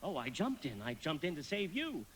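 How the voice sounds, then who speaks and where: A man's voice: a little high, very animated, moderate pace, a bit bright, a little hiss or hum, poor audio. A man playing an eager, naive, fussy apprentice guardian angel in a live radio play, speaking earnestly and politely with some hesitation.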